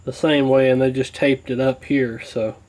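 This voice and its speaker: A man with a medium-pitched, slightly mellow voice that barely rises or falls speaks at a normal pace. He's a radio repair hobbyist presenting a casual, hands-on repair walkthrough, folksy and colloquial, thinking aloud as he works. The recording quality is low.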